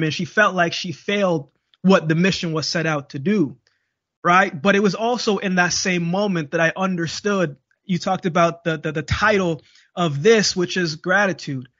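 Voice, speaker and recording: A man's voice: on the high side, a bit bright, no echo, dull audio. A young man from Jamaica, a guest speaker, telling his life story and acting out the dialogue. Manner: vivid storyteller, acts out dialogue. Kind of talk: storytelling interview.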